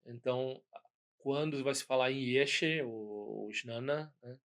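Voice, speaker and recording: A man's voice: mid-range voice, fairly even intonation, slow. Brazilian male Buddhist teacher, informal lesson, rambling delivery, frequent self-corrections and tag questions. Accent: Brazilian Portuguese. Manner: rambling, many restarts and "né?" tags.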